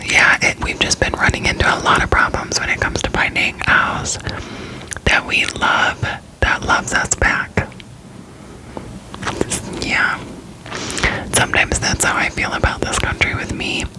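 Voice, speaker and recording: A young American woman from Florida whispers an informal, unscripted ASMR ramble, breathy and up close to the microphone. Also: measured pace, long pauses, rough recording. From Florida, United States. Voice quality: whispering throughout, breathy and unvoiced. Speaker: ASMR creator.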